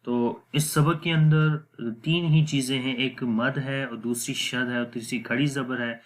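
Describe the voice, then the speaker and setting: A man's voice: medium pitch, fairly even intonation. A man teaching Quran reading rules, explaining each step patiently and repeating them plainly. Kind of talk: step-by-step tajweed lesson.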